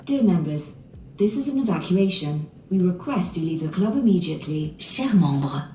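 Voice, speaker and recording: A woman making a formal evacuation announcement, heard through a building's public-address loudspeaker. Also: lowish voice, measured pace, slight background noise. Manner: calm, formal, urgent instructions. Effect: heard over a building loudspeaker. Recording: echoey distant loudspeaker with music.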